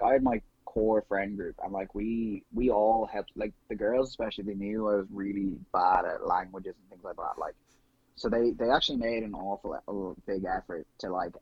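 A man's voice: lowish voice, vocal fry, darkish tone, slightly rough, dry recording, highs cut off. A young Irish man in his twenties, a nurse guest, chatting casually on a podcast in a rambling way. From Ireland.

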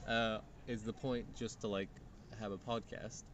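A man with a fairly low voice in a casual podcast conversation, working ideas through aloud and asking probing questions. Steady background noise with passing vehicles sits under his voice. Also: measured pace. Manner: thoughtful, probing, asks many questions. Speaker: podcast co-host.

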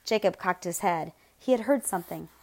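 A woman narrating a novel aloud in a steady, measured, grave storytelling voice. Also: fairly low pitch. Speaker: audiobook narrator.

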